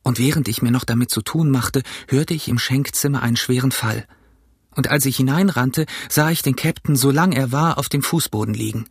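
A man narrating an audiobook in a steady, measured storytelling manner. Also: medium pitch, breathy edge, no echo, studio quality. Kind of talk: audiobook reading.

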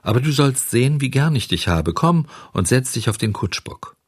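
A man voicing a fat, sweet-talking little coachman who speaks in a soft, flattering, coaxing way. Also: mid-range voice, normal speed, breathy edge, no echo, studio quality, pitched above the performer's own voice.

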